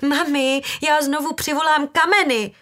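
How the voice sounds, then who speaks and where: Brief: a desperate teenage girl pleading in a high voice, played by a woman narrator, storybook. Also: steady tone, natural voice.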